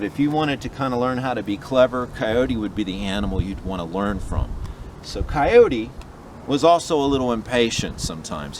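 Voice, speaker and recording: A man's voice: medium pitch, slight background noise. A man, a park ranger giving an easygoing guided nature hike talk in the woods. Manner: easygoing, storytelling, gentle. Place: outdoors in the woods.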